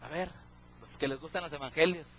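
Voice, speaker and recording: A man's voice: a little high, steady tone, brisk, a bit bright, muffled recording. A man preaching a sermon, often asking his congregation questions and checking in with them.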